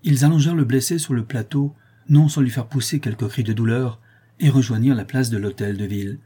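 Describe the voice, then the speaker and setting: A man narrating a historical novel as an audiobook, in a measured, even storytelling manner. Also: medium pitch, husky.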